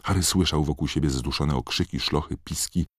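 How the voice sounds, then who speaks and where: Super deep husky guy reading an audiobook, dramatic, dry close sound. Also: a little fast, fairly bright tone, no room sound. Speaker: audiobook narrator. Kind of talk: scripted narration.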